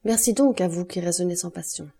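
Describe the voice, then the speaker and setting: A woman's voice: fairly low pitch, a little fast, warm tone, breathy edge. A woman voicing a passionate young man in an audiobook, speaking earnestly and urgently. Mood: ardent. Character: young man, ardent, passionate, desperate lover. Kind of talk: audiobook character reading.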